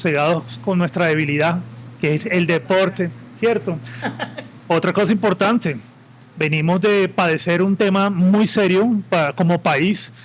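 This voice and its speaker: Slight background noise accompanies a high-pitched man from Santa Marta, Colombia, speaking with a Caribbean-coast accent. He's a guest at a live podcast event with an audience, rambling in an impassioned, opinionated way.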